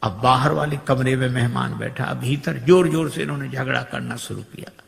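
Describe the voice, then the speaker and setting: An older man preaching a devotional story sermon, telling it lively and acting out the characters' lines. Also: mid-range voice, normal speed, creaky. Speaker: spiritual preacher. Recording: long hall reverb.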